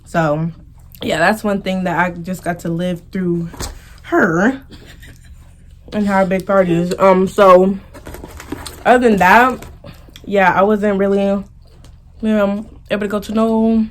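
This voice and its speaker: A woman's voice: medium pitch, fairly even intonation, takes it slowly, pauses often, a little hiss or hum. A young American woman chatting casually and informally as she tells stories in a mukbang video, prone to giggling. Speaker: vlogger. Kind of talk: casual storytime chat during a mukbang.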